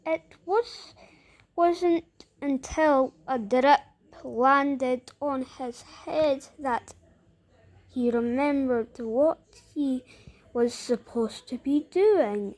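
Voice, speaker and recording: Woman, storybook reader, high voice, slow reading, playful chatty asides. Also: lively intonation, a little mellow. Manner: playful, chatty commentary between lines. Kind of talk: reading a picture book aloud with chatty asides.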